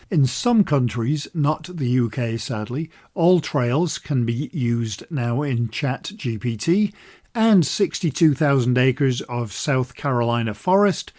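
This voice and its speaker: A man's voice: mid-range voice, a little mellow. A man hosting a walking podcast, reading a news roundup with dry humour and then introducing his guest. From Scotland. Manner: upbeat, conversational, dry humour. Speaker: podcast host.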